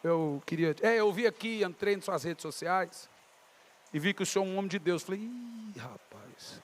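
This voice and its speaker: A Brazilian man preaching a sermon as a pastor, telling a story and acting out both sides of the dialogue, at times building to shouts. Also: sits high, a little fast, slight background noise. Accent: Brazilian Portuguese. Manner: storytelling, voicing God and others in dialogue, rising to shouts.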